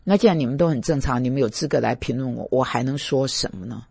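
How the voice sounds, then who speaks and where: A man's voice: mid-range voice, fast talker, creaky, a little mellow, husky, no room sound. A man from Taiwan, a pastor giving an emotional devotional talk, stammering and plaintive.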